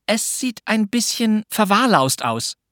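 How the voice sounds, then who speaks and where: A cheeky little girl from a storybook, as the audiobook reader puts her on, pitched high and playful. She leaps about in lively, theatrical swings. The reading is dry and close. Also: slow, dry recording.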